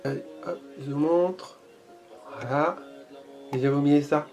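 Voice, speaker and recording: A man talks slowly in a slightly high voice, in a casual vlog. He is playful and self-mocking, jokingly boasting while he sounds out foreign phrases one at a time. Soft music plays beneath him. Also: steady tone. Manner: repeats foreign phrases slowly, trying them out. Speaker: vlogger learning Portuguese.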